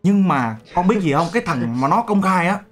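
A man's voice: high voice, lively intonation, a little fast, faint music behind. A man in his twenties from Vietnam, a streamer chatting casually and teasing with mock-serious storytelling. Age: 20s. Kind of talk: casual video-chat banter.

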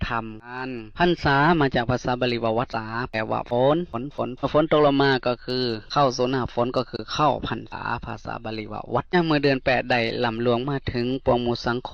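A man's voice: medium pitch, brisk, vocal fry, hardly any pauses, no room sound, dull audio. A middle-aged Buddhist monk from Northeast Thailand with an Isan accent, giving a folksy dharma sermon and repeating key words as he tells stories. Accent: Isan Thai.

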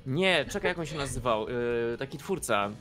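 A young man giving excited co-op gameplay commentary, often bursting into laughter. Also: medium pitch, moderate pace, soft background music. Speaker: gaming YouTuber.

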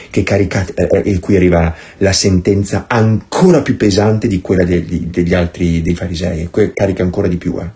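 A man's voice: sits low, a little mellow. A man giving a priest's meditation in an impassioned, sarcastic and emphatic way. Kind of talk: recorded meditation, sermon-like.

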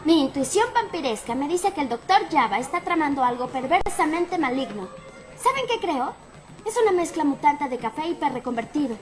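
A woman voicing an imaginative, excitable young schoolgirl in a cartoon dub, with a Latin American accent. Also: sits high, fairly quick, faint music behind. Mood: suspicious, dramatic.

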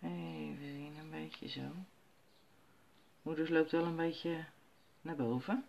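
A woman's voice: sits low, fairly even intonation, takes it slowly, vocal fry, darkish tone, lo-fi sound, slight background noise. A woman at home giving a casual crafting tutorial, chatting herself through each step as she works. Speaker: crafter demonstrating stamping. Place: at home while her children sleep.

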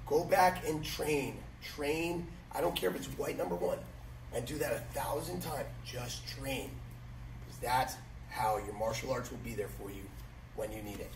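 A middle-aged instructor drives home his points to martial arts students, repeating key phrases with emphasis, in a medium-pitched voice at a moderate pace. The camera capturing him sits several metres off in a big indoor matted gym, giving an echoey hall sound with background noise.

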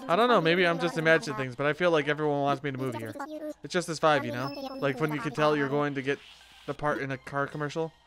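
A man's voice: fairly high pitch, fairly even intonation, fast, crowd noise, natural voice. A man reading aloud the lines of a smug male lion villager from a video game. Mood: boastful. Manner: read aloud from game text.

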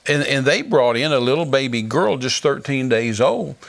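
A man's voice: medium pitch, animated, moderate pace, creaky, fairly bright tone. A male guest minister earnestly telling a dramatic testimony in conversation.

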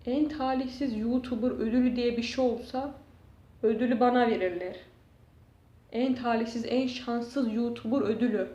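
A woman's voice: a little high, fairly even intonation, normal speed, warm tone. A woman YouTuber venting in a casual vlog, exasperated and swearing as she shows damage to her room. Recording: dull, echoey room sound.

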